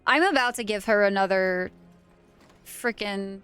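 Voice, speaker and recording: A woman's voice: mid-range voice, a little slow, a bit bright, clear, resonant tone. A young woman live-streaming a game, chatting casually and playfully, swearing now and then, close on the mic. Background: faint game music.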